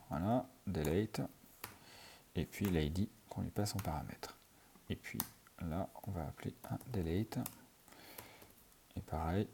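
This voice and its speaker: Low gravelly man coding aloud. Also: dark tone, slight background noise. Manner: thinks aloud while typing, many fillers. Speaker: programming tutor. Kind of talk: screencast coding tutorial.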